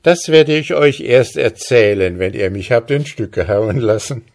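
A man's voice: medium pitch, expressive, measured pace, darkish tone. A man voicing a bold, cheeky young hussar soldier who speaks up confidently in a raised voice. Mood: bold, defiant.

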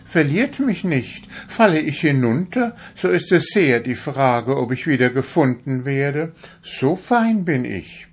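A man voicing a vain, proud female darning needle in a fussy, high, self-important way. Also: big pitch swings, measured pace, few pauses, slightly rough, heavily acted.

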